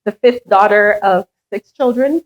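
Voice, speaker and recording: A middle-aged woman who heads a charitable foundation gives a public speech at a community meet and greet, telling her story earnestly and unhurriedly with occasional light self-deprecating humor. Born in Ghana and raised in France, she speaks French as her first language, and her voice sits at a typical middle pitch for a woman. The audio is dull.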